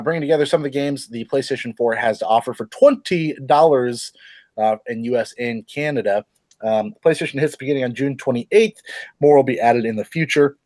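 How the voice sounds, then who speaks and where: A man's voice: mid-range voice, darkish tone, no room sound. Male podcast host, loose and profane, dry close recording. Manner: swears often, loose and rambling. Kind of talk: casual gaming news chat.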